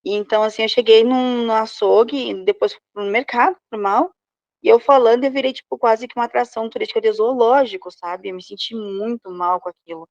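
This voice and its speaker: A woman's voice: on the high side, fairly even intonation, fairly quick, darkish tone, no echo. Woman with a southern border accent, dull sound. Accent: Rio Grande do Sul border. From southern Brazilian border region. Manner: chatty, searching for words. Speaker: therapy student. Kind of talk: group discussion.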